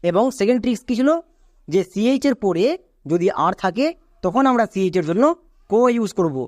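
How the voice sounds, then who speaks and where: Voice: mid-range voice, fairly quick, darkish tone, no room sound, studio quality. A teacher explaining English spelling rules step by step, drilling each point by repeating it and spelling words out letter by letter.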